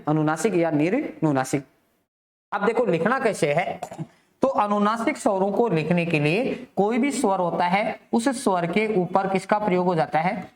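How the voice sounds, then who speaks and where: A man teaching a grammar lesson for exam students. He asks the class questions, answers them himself, and repeats the key terms. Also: sits high. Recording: echoey room.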